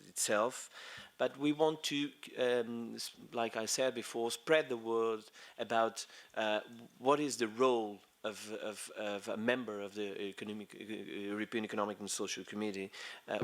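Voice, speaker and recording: A middle-aged man from Portugal with a Portuguese accent, giving a conference speech in English, halting often with fillers and restarts. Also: mid-range voice, fairly bright tone. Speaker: conference speaker.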